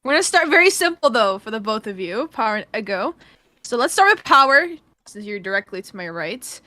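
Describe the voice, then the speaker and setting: A woman's voice: a little high, very animated, brisk, bright, forceful tone, no echo. A woman esports caster interviewing guests on a podcast, upbeat and easygoing. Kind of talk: casual interview.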